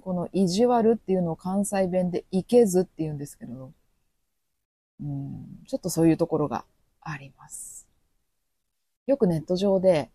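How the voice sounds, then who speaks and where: A woman teaching Japanese with a Kansai accent, speaking slowly and clearly and acting out short quoted lines. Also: lowish voice, warm tone, no room sound. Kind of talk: podcast language lesson.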